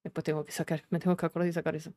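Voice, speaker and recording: A woman's voice: deep voice, flat delivery, rapid-fire, dark tone. A woman with a Rioplatense Argentine accent hosting a casual live coding stream, chatting as she works, thinking aloud and swearing casually. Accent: Rioplatense Argentine Spanish.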